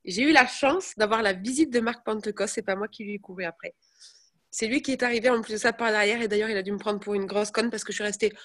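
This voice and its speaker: A young woman chatting casually to her viewers, telling animated stories. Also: mid-range voice, fast. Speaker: network marketing presenter. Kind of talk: casual live chat.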